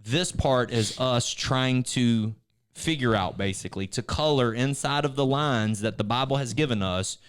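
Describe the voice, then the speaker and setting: A man's voice: mid-range voice, moderate pace, clean tone. A man, co-hosting a casual church video chat, rambling with frequent restarts and turning encouraging. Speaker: church staff co-host.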